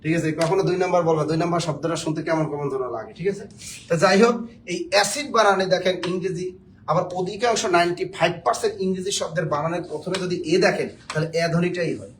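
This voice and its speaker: A man's voice: high voice, fast, slight background noise. A man from Bangladesh, teaching a spelling lesson for job exams, joking and quizzing his viewers.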